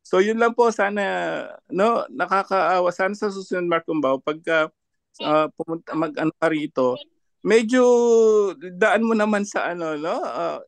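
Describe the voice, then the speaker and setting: Brief: high-pitched male panelist, dry close sound, scornful and chuckling. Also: normal speed, fairly bright tone, no echo. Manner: mocking, laughs often between jabs. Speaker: panelist commenting on a debate. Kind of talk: online discussion commentary.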